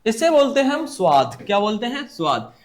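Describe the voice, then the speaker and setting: A man's voice: high voice, sing-song, brisk. A man teaching an online class, repeating each point and asking the class to say it back in a casual, brotherly way. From India. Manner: repetitive call-and-response teaching; colloquial, addresses class as brother.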